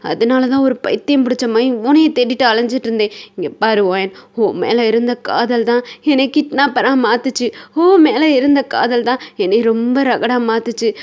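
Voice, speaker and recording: A man's voice: extremely high pitch, lo-fi sound. A woman voicing a possessive young male kidnapper who keeps pleading with his wife, in an insistent, repetitive way. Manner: insistent, repeating lines over and over.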